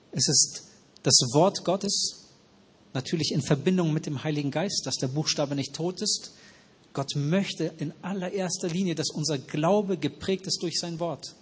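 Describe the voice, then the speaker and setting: Husky-voiced man preaching a sermon. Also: a little high. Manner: asks the congregation questions and repeats their answers. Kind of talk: interactive sermon. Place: church hall with noisy ventilation.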